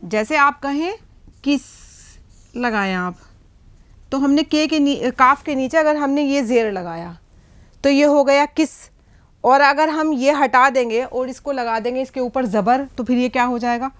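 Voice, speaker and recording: High-voiced woman teaching a patient lesson. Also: a little slow. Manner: patient explaining, frequent checks like "hai na?" and "theek hai". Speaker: Urdu teacher. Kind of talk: whiteboard language lesson.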